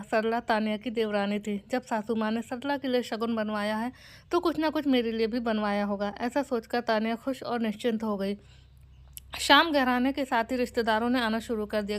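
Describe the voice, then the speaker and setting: Higher-voiced woman narrating a story. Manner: reads dialogue of every character in her own voice.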